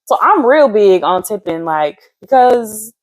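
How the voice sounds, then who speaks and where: A woman co-hosting a laid-back talk show, chatting in a playful, animated way. Her pitch sits in the middle but rises and falls widely from line to line, and she stretches words out for effect. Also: a little slow. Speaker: podcast co-host. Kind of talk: casual chat.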